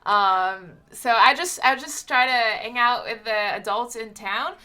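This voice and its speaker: A woman's voice: fairly high pitch, measured pace, pushed and bright. A woman playing a tabletop role-playing game, describing her character in casual, rambling talk full of fillers and giggles.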